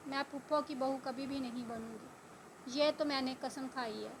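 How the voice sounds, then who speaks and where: Brief: a woman doing a stubborn young woman in a storybook reading, sharp and scornful, high voice. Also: steady tone, slight background noise, low-quality recording. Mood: defiant.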